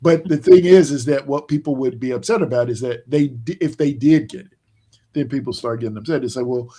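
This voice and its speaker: A man's voice: mid-range voice, mellow. A man hosting a casual sports chat, rambling and restarting his sentences as he makes his points. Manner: rambling, many restarts and fillers, slow emphatic points. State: yawning, tired. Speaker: podcast host.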